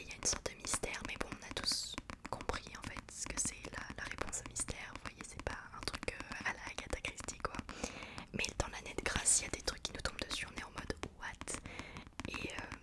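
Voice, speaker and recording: A woman whispering softly as an ASMR host, presenting and reading from a book in an informal way.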